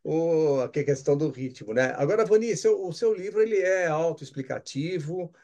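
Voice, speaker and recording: A man's voice: fairly high pitch, animated, moderate pace, mellow. A Brazilian man interviewing a guest, asking questions in a conversational way with short acknowledgements.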